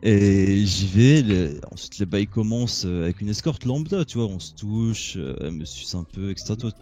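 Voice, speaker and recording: Laid-back young man with a dark voice. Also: fairly low pitch, animated, normal speed. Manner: crude, laid-back, laughing storytelling. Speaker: caller telling a story. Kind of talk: casual storytelling chat.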